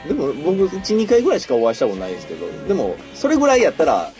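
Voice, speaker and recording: A man's voice: a little high, huge pitch swings, racing, darkish tone, faint music behind. Laughing, reassuring Kansai man. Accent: Kansai Japanese. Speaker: podcast co-host. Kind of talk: casual chat.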